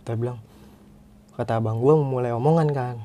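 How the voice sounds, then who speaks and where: A man telling a story to the host in a relaxed, chatty way, often calling him "Bang". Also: medium pitch, a little fast. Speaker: guest storyteller. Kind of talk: casual storytelling.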